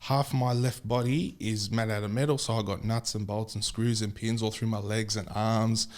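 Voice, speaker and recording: A man's voice: on the low side, flat delivery, moderate pace, a little mellow. Easygoing man, guest. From Australia. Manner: easygoing, repeats words and phrases. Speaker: bodybuilder guest. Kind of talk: casual podcast interview.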